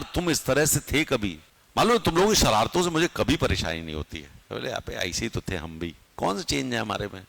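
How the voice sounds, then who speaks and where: A male teacher giving an exam-prep lecture in a lively way, constantly asking his students rhetorical questions. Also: medium pitch, no room sound.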